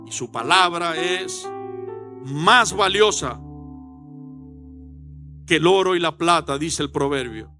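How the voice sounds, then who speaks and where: A middle-aged man with a Venezuelan accent delivers a Sunday sermon in church, his voice high-pitched and bright. He tells stories with animated, acted-out quotes. Faint music sits behind him. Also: slow pace, long pauses. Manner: animated storytelling, acts out shouted quotes. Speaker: pastor.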